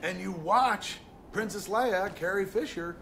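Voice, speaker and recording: A man streaming live, chatting casually about a movie in an excitable, profane way. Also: high-pitched, a little slow, creaky, slight background noise. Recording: loud game gunfire behind the voice.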